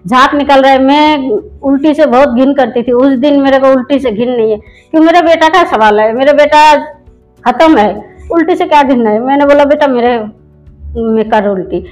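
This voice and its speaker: A woman's voice: high-pitched, normal speed, a little mellow, faint music behind, low-quality recording. A middle-aged woman from India giving a spoken personal testimony in a rambling storytelling way with many restarts. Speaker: church member giving testimony.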